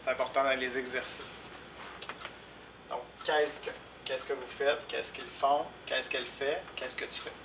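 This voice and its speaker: A man with a Québécois French accent, teaching a French lesson slowly and repeating words and spellings. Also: medium pitch, flat delivery. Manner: slow, deliberate, repeats words and spells them out. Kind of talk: slow classroom lesson. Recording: echoey room, voice from far off, clear background noise.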